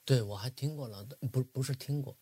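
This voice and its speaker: A male guest telling memories of a friend in a halting, casual way. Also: medium pitch, dark tone, husky, dry recording. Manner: halting, with many restarts. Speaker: guest, documentary maker. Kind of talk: casual recollection.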